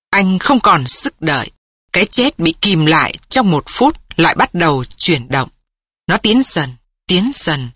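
A woman narrating a literary story slowly in a mournful, measured way. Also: lowish voice, fairly bright tone, husky, no room sound, studio quality. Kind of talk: slow literary story reading.

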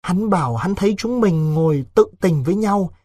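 A man voicing a desperate young village man who presses his case in a hurried, husky voice. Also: high voice, expressive, no room sound, clean studio sound. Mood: urgent. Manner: urgent, hushed persuading.

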